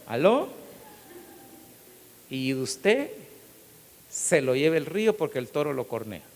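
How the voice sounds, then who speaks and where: A middle-aged man, a pastor, preaching an animated sermon and acting out the people in his stories. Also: fairly high pitch, slow pace. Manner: animated storytelling, acting out quotes, rising to loud emphasis. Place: church hall. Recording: long hall reverb with faint hiss.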